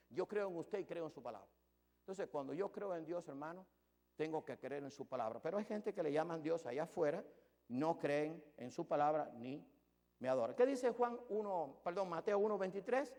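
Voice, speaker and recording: Pastor guy preaching, emphatic, loud then quiet, long echo. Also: high-pitched. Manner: emphatic, swings between loud and hushed. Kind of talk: sermon.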